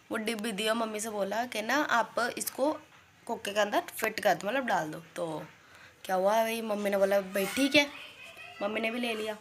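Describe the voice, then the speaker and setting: A woman's voice: on the high side, a little hiss or hum. A young woman vlogger telling a story in a chatty way, laughing often as she talks. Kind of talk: casual storytelling vlog.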